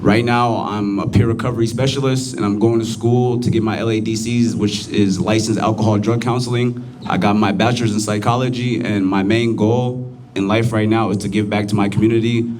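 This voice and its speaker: A young American man addresses a room of young people, speaking plainly and earnestly with the odd filler. His voice sits low and stays flat. A faint hiss lies under the recording. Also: brisk. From United States. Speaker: addiction recovery advocate. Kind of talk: speaking to a youth audience.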